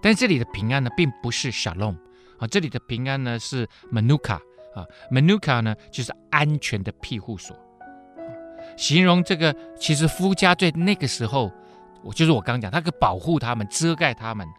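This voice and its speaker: Lively male Bible teacher. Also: medium pitch, brisk, soft background music. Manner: lively storytelling with frequent filler particles. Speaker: Bible teacher and radio host.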